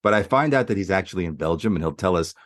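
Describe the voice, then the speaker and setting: Low voice guy hosting a podcast, dead dry mic, eager and full of compliments. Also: expressive, racing, no room sound. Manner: enthusiastic, complimentary. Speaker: podcast host. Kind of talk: casual interview.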